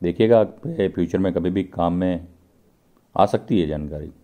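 A man with a deep voice, at a moderate pace and with phone-quality sound, hosts his channel's vlog from an indoor pipe factory workshop, filming and explaining the manufacturing directly to viewers.

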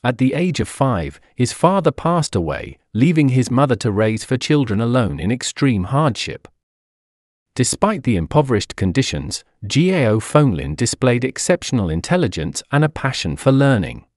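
A man reading scripted documentary narration in a steady voice-over. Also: medium pitch, normal speed, dry recording, clean studio sound.

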